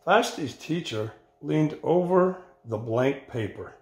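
An older man reads a children's picture book aloud in deliberate phrases, recorded indoors on a phone. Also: on the high side, lively intonation, soft background music. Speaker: storybook reader. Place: indoor room with bare walls. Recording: roomy, echoing home recording.

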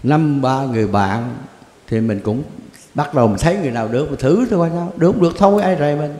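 A man's voice: a little high, lively intonation, quick pace, mellow. An older man, a Zen teacher answering questions in a blunt, colloquial way with chuckling asides. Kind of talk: answering questions in a Dharma talk. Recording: echoey hall with long reverb.

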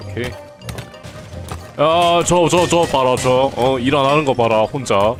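Speaking slowly in a mid-range voice, this man comments casually on the game he's playing. He chats to his viewers and pokes fun at the characters, with quiet game music behind him.

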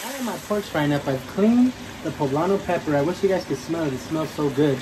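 A man's voice: fairly high pitch, lively intonation, brisk. A man hosting a casual cooking tutorial at home, chatty and encouraging as he talks straight to viewers. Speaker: cooking channel host. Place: home kitchen. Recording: noisy kitchen with frying sounds. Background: food frying.

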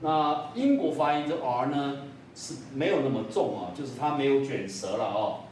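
A man teaching an English pronunciation lesson, slow and deliberate, saying each word several times. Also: medium pitch, expressive, a little mellow. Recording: echoey room, voice a little far from the mic, faint noise.

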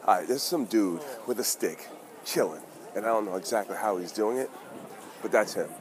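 A man hosting a casual street vlog outdoors, talking excitedly and in slang straight to his viewers. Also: on the low side, moderate pace. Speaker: vlog host. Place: outdoors on busy town streets. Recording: busy street crowd and noise.

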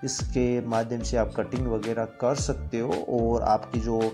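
Speaking over music at a measured pace, this man's mid-range voice has a flat delivery. He's a product reviewer voicing a rambling look at woodworking tools, circling back often with filler-laden, repetitive explanations.

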